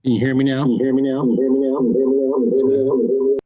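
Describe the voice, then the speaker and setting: A man's voice: medium pitch, flat delivery, fast. A man calling in by telephone to a school board meeting, repeating a sound check question. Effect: heard over a telephone line. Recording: muffled lo-fi phone line, husky.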